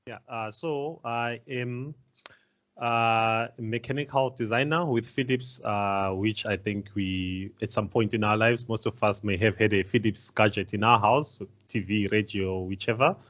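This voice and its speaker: A man from Zimbabwe on a career panel, speaking haltingly with many pauses and fillers. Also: on the low side, steady tone, a bit bright. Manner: halting, many ums and uhs. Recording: dull lo-fi video call.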